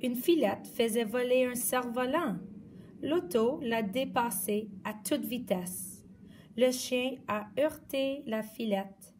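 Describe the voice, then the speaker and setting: A woman reading a children's picture book aloud slowly and expressively. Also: fairly high pitch, recorded from a distance, slight background noise. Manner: slow, clear, expressive read-aloud. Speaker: storyteller.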